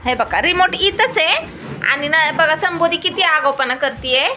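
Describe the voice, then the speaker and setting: A woman's voice: sits high, normal speed, pushed and bright, soft background music. A woman filming a casual family vlog at home on a phone, coaxing and scolding her small children.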